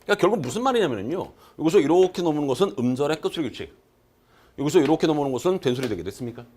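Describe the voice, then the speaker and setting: Lively male lecturer drilling key terms. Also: a little high, rapid-fire. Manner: emphatic, asks questions and answers them himself. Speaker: exam prep lecturer. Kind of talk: recorded classroom lecture. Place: lecture room.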